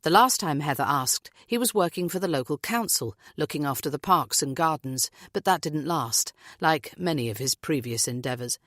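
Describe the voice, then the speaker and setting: A woman's voice: sits low, normal speed, few pauses, no room sound, studio quality. Woman reading a thriller audiobook. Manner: even, descriptive reading. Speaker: audiobook narrator. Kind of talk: scripted narration.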